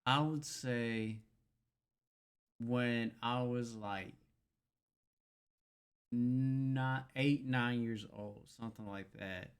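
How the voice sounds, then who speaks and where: A man's voice: medium pitch, fairly even intonation, clear, resonant tone. A man co-hosting a podcast, telling a personal story in a hesitant way, with many ums and likes. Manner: hesitant, halting with "um" and "like". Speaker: podcast co-host. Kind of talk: casual chat, telling a story.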